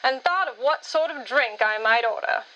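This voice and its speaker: Self-assured woman narrator for a radio story, high and bright, witty delivery. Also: expressive, normal speed, dull audio, slight background noise.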